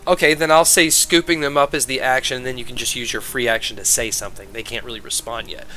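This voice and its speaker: A man's voice: mid-range voice, fairly even intonation, fast talker, bright, forceful tone, slight background noise, low-quality recording. A man acting as game master, casually narrating and explaining a tabletop game to players.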